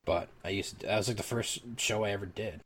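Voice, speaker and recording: A man in a relaxed podcast chat, rambling and filling pauses with "like" and "um". His voice is very deep. He swears casually as he talks. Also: a little hiss or hum. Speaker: podcast co-host.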